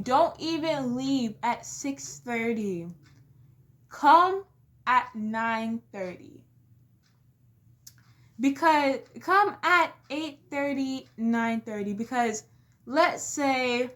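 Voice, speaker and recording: A young woman vlogs in a casual, comedic style, speaking emphatically and addressing her viewers directly. Her voice is high and slightly bright.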